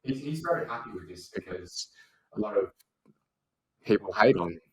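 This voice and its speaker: A man's voice: on the low side, animated, moderate pace, breathy edge, rough recording. A man co-hosting a podcast as a mock awards show, playful and rambling, with many fillers. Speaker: podcast co-host.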